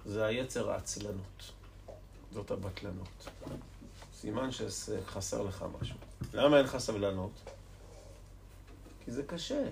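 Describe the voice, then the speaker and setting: A man, a rabbi, giving a Torah lesson to a live audience with impassioned rhetorical questions that swing from hushed tones to loud emphasis. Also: on the low side, gravelly, long pauses, a little hiss or hum.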